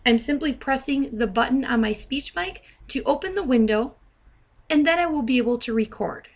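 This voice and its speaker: A woman with a fairly high voice, a software trainer, narrates a demonstration as voice-over to a screen recording. Her delivery is animated yet deliberate and instructional, and she pronounces each dictated command distinctly.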